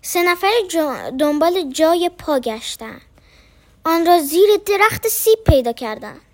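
High, lively woman telling a children's story. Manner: expressive, playful read-aloud.

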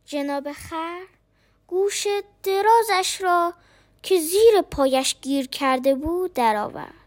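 A woman reads a children's story aloud with a very high voice that rises and falls in a lively, sing-song way. Her delivery is playful and expressive, made for young listeners.

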